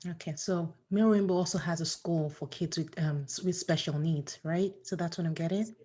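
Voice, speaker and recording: A woman's voice: on the low side, steady tone, moderate pace. A woman hosting an interview, speaking effusively while crying. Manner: warm, effusive, tearful. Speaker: podcast host. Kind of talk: casual interview.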